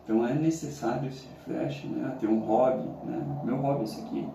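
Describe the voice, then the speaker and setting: A Brazilian man speaks from ice cold water with a very dark, relaxed voice full of gravelly creak. He muses casually in halting phrases. The recording is roomy and echoing, picked up away from the mic. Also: mid-range voice. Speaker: challenge vlogger. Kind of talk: casual reflective monologue. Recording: roomy, echoing, distant mic, faint noise.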